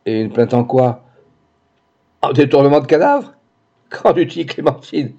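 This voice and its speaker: A man's voice: mid-range voice, animated, measured pace, dark tone. A man voicing a brash scheming older matron. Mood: mocking. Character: brash aging woman, bold scheming matron. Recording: dull lo-fi recording.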